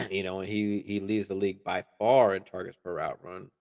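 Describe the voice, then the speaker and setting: Viewer questions on his live fantasy football stream get relaxed, profanity-laced answers from this man, full of fillers and restarted sentences. He speaks low and at a moderate pace.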